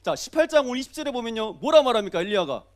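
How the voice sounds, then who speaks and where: A young pastor delivers an early-morning sermon at a rapid clip, his high voice leaping up and down as he jokes. He keeps firing questions at the congregation and answering them himself. The delivery is lively and playful.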